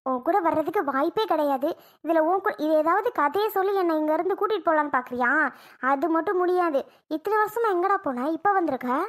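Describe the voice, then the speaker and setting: A woman's voice: expressive, fairly quick. A woman voicing an injured young wife in a cartoon, who is furious and scolds sharply. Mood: angry. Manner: shrill, scolding, exasperated. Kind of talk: cartoon voice acting.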